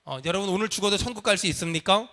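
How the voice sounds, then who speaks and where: A man's voice: sits high, very fast, bright, forceful tone. A man preaching a sermon in a church, leading the congregation in call and response. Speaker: pastor. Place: church sanctuary.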